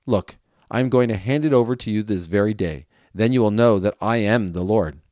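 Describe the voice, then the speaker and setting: A man reading the lines of a solemn male prophet in a measured, declaiming way. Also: lowish voice, darkish tone, no room sound, clean studio sound, close to an everyday voice. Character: solemn male prophet bearing divine word.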